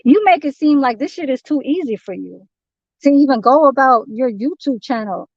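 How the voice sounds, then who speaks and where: This high-pitched, expressive woman from San Francisco speaks at a moderate pace, launching into a heated livestream rant full of constant swearing and rambling confrontation. The stream audio is lo-fi, dull and dry with no echo.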